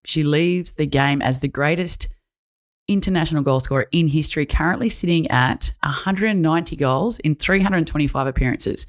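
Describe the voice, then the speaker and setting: A woman's voice: sits low, normal speed. A woman co-hosting a women's sports podcast, chatty and enthusiastic, often restarting her sentences. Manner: chatty, enthusiastic, self-interrupting. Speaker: podcast co-host. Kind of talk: casual sports podcast chat.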